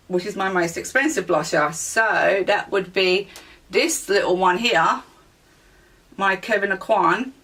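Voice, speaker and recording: A woman beauty vlogger in a relaxed, chatty product review, with plenty of ums and small self-corrections. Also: mid-range voice, recorded from a distance. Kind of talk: casual product review chat.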